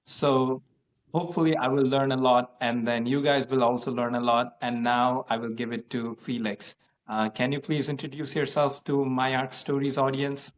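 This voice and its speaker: A man's voice: medium pitch, little pitch movement, moderate pace. A man hosting an interview podcast, talking in a friendly, informal way with fillers. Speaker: podcast host. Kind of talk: casual interview chat.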